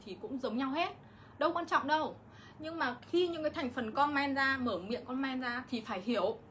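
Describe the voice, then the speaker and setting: On a casual livestream vlog, a middle-aged woman rants and indignantly fires back at her critics. Her voice is fairly high and a bit bright, with slight background noise.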